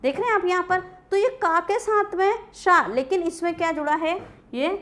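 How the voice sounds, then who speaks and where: A woman's voice: very high-pitched, moderate pace, fairly bright tone. A woman teacher giving a classroom grammar lecture, asking questions and answering them herself. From India. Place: coaching class.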